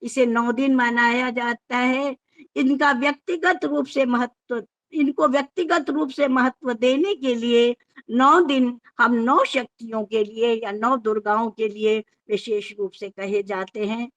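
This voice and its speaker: A woman giving a formal, measured lecture on scripture, explaining step by step and sometimes restarting words. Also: on the high side, steady tone, fairly bright tone.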